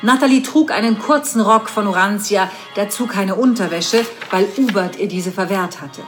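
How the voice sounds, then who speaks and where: Female narrator, mid-pitched, measured storybook reading, soft music underneath. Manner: measured reading with slips and restarts. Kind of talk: reading an erotic story aloud.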